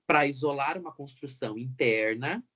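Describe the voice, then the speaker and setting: A teacher talks through a grammar lesson in a steady, explanatory way. His voice sits at a middle pitch. He keeps tagging his sentences with little questions to the class. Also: moderate pace. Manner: explanatory, frequent tag questions.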